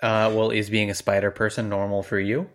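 A man's voice: lowish voice, level tone, a little fast. A man running a tabletop game as game master, laid-back and a little hesitant.

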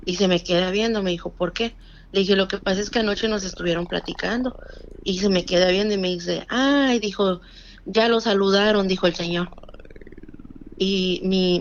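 Speaking in a mid-range voice, this Mexican Spanish-accented woman relates a real-life scary story conversationally, voicing each person in it through lively quoted dialogue. The sound is lo-fi and carries a faint hiss or hum.

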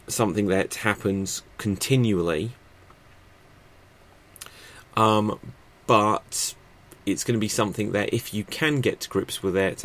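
A man hosting a podcast, explaining improv stagecraft in a chatty, off-the-cuff way. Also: fairly low pitch. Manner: chatty, thinks aloud with fillers and restarts. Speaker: podcast host teaching improv. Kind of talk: unscripted instructional talk. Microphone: podcast microphone.

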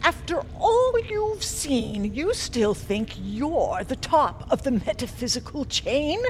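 Lady doing an evil mystic villainess, slow n theatrical, highish voice, taunting, audio drama. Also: big pitch swings, a little mellow, slight background noise, heavily acted. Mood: taunting, threatening. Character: imperious, menacing mystic villainess who savors threats. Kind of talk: dramatic audio fiction acting.

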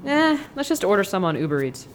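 A woman's voice: mid-range voice, sing-song, brisk, lightly acted. A woman talking in a casual, direct way. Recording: loud background noise.

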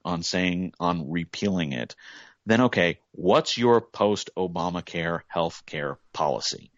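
A man's voice: sits low, no room sound, lo-fi sound. A man co-hosting a podcast, talking politics casually with many restarts before landing firm points. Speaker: podcast co-host.

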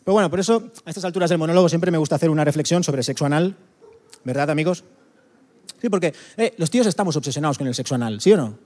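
A man from doing a stand-up monologue, punchy and chatty with quick asides to the crowd. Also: fairly high pitch, animated, a little mellow, long reverb tail. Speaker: stand-up comedian.

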